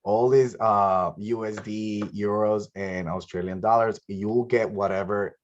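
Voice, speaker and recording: A man's voice: on the low side, steady tone, a little slow, dull audio. A man co-presenting who carefully clarifies a point for the listeners. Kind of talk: clarifying explanation.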